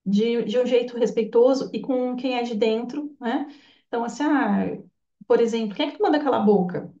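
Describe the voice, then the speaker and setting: A woman's voice: a little high, mellow. A woman giving an informal course lecture, chatty, with lots of tag questions. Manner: chatty, with frequent tag questions and quoted voices. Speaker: Bach flower therapy course teacher. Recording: echoey room, distant lo-fi mic.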